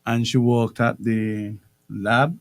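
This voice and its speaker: A middle-aged man hosting a radio interview show, speaking in a measured way and repeating phrases for emphasis. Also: medium pitch, fairly even intonation. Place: radio studio.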